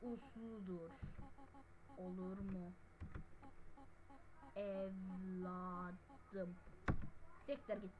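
A woman yelling and swearing her way through gameplay commentary. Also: medium pitch, level tone, extremely slow, long pauses, narrow, tinny audio, noisy background. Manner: loud, yelling and cursing. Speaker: gamer. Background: game music.

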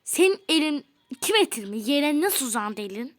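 A woman's voice: high-pitched, very animated, normal speed. A woman voicing an angry teenage girl who scolds her boyfriend with exasperated sighs in a doll role-play story. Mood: scornful. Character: angry teenage girl, hurt and scornful girlfriend.

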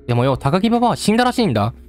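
A man voicing a rough-talking male storyteller who taunts the listener in coarse street speech. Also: sits high, big pitch swings, racing, a little mellow, soft background music. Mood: taunting. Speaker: game let's-play narrator.

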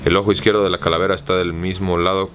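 A man with a Mexican accent reading the part of a simple, fearful male servant in an audiobook, in a slow, plain way. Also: deep voice, flat delivery, muffled recording, music in the background, natural voice. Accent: Mexican Spanish.

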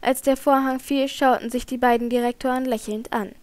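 A woman narrating a classic novel as an audiobook in measured scripted storytelling. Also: high voice, steady tone, a little mellow, no echo.

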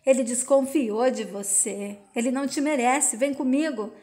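A woman's voice: high voice, moderate pace, dark tone, natural voice. A woman reading the lines of a young man's spirit who coaxes and urges. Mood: urging. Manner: coaxing, urgent. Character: departed young man's spirit, tender and insistent.

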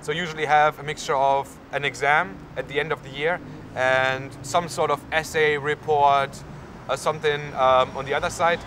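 A young German-accented man, a university student, answers interview questions outdoors in a town square, speaking at normal speed with a fairly high pitch and fairly even intonation. He uses lots of fillers and gestures as he talks, while faint street and traffic noise sits in the background.

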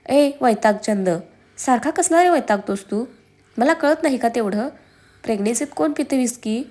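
A woman's voice: on the high side, animated, normal speed, a little mellow. A woman voicing a playful, pouty young pregnant wife in a storybook, coaxing and sulky.

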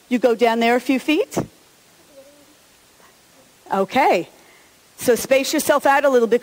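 A woman pastor giving an Easter sermon and children's message in a church, chatty and encouraging and often chuckling. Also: on the high side. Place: large church sanctuary. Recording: long church reverb.

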